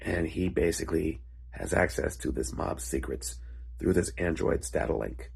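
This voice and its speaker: A man with a very low, husky voice tells a story off the cuff. His tone is dark and mellow, with a phlegmy rasp. He speaks casually in short, halting phrases, pausing as he builds the tale. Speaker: writer and vlog host. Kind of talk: casual rambling storytelling monologue.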